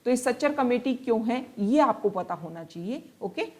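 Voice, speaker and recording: A woman tutor giving a newspaper analysis lesson for exam students, reading English passages slowly and then explaining and rephrasing them in Hindi. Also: a little high, animated, darkish tone. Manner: explanatory, repeats and rephrases points.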